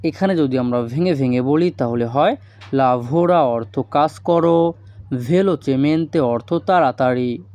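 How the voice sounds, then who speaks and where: Male language tutor: slow, methodical, fairly high voice, dry close sound. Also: a little mellow, no room sound. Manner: slow, deliberate delivery, repeating phrases word by word. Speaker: language teacher. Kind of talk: recorded language lesson.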